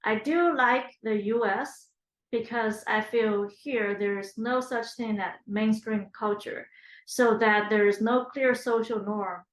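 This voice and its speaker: In an oral history interview, a woman in her thirties from China, a native Chinese speaker, thinks aloud with fillers and restarts. Her voice is a little high and she speaks slowly, in a low-quality recording with an echoey room.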